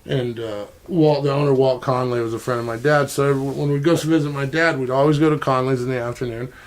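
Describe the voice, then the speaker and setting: A man's voice: medium pitch, steady tone, quick pace, poor audio. A man chatting as a podcast guest from Denver, telling rambling, jokey stories and slipping into silly voices. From Denver, Colorado. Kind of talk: casual storytelling chat.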